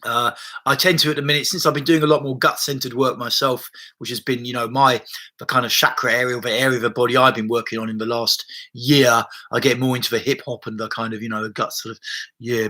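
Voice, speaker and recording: Speaking at a normal pace with fairly even intonation, a man with a sharp, mid-range voice chats loosely on his livestream. He's a body-based therapist working through viewer comments, rambling, restarting and swearing, all picked up by a laptop mic.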